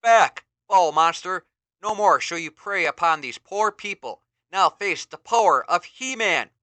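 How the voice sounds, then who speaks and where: A man's voice: sits high, expressive, measured pace, sharp tone, no room sound, pitched above the performer's own voice, full character voice. A man voicing a bold, noble male warrior hero who speaks in grand declarations. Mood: heroic. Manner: grand declaiming heroic speech.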